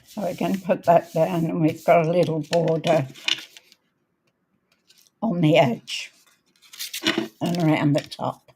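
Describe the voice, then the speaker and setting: Woman craft host, live demo, slightly crackly, lower voice, slow easy pace. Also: steady tone, creaky, mellow. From outside America. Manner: chatty, unhurried, talks while working. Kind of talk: live card-making demonstration.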